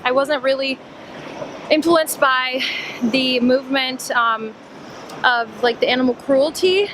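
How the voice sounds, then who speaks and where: Chatty high-voiced woman vlogging. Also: takes it slowly, noisy background. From Cuba. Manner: chatty, upbeat, many fillers. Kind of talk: casual travel vlog. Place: outdoors at a beach town.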